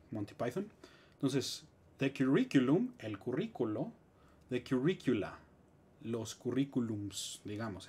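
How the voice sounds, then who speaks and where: Mexican guy teaching english on a stream, husky voice, pitch jumps all over. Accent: Mexican Spanish. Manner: lively explaining with joking asides. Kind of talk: live-streamed English lesson.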